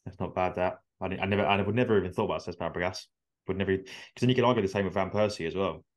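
A man chatting casually on a podcast, relaxed and full of fillers. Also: deep voice, very fast. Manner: relaxed, thoughtful, many fillers.

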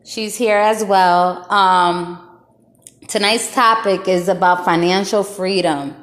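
A woman's voice: medium pitch, fairly even intonation, takes it slowly, fairly bright tone, roomy sound. Slangy woman host in her thirties. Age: 30s. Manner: candid, slangy, laughs often. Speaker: podcast host. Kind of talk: casual chat.

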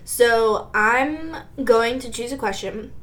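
Higher-voiced woman co-host. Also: slow, fairly bright tone. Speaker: podcast co-host. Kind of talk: casual couple's podcast chat.

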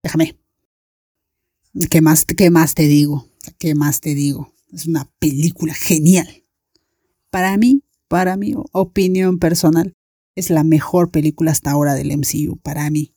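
A young woman with a Latin American Spanish accent tells a story in a chatty, animated way. She acts out her friends' lines as she goes. Her voice is low-set and mellow, recorded close and dry. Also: normal speed, no room sound. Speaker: podcast host. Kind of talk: casual storytelling monologue.

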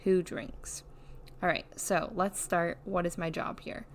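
A woman's voice: on the low side, level tone, slow pace. Young woman who says "like" a lot. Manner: chatty, says "like" a lot as a filler. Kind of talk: casual solo podcast talk. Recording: noisy background.

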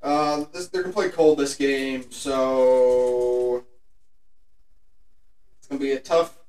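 A man's voice: medium pitch, flat delivery, slow, darkish tone, recorded from a distance. A young man joking through score picks in a casual chat with friends. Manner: joking, wisecracking. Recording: echoey room, voice off-mic.

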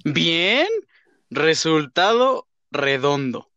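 A man's voice: fairly high pitch, sing-song, drawn-out words, pushed and bright, no echo, dull audio. A man with a Mexican accent chatting playfully in slang and swearing as a football podcast co-host. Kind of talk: casual football banter.

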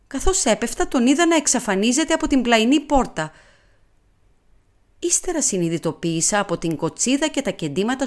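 A woman's voice: on the high side, pitched above the performer's own voice. A woman doing a shaken aristocratic lady. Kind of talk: audiobook character reading.

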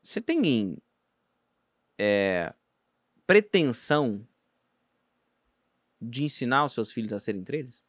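A man's voice: mid-range voice, very animated, takes it slowly, long pauses, dry recording, studio quality. A man with a Brazilian accent hosting a casual podcast chat, talking in a rambling, slangy way with many restarts. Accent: Brazilian Portuguese.

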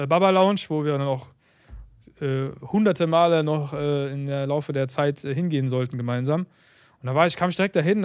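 Fast-talking man telling a story. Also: a little high, clean tone, no echo, studio quality. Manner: rambling, filler-heavy, tag questions like "ne?". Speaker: entrepreneur guest. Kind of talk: casual anecdotal storytelling.

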